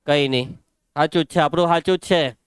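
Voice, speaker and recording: A young man with a Gujarati accent teaching a maths class, working through problems briskly, quizzing pupils by name and telling them to settle down. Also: on the high side, clear, resonant tone, no room sound. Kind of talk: live classroom lesson.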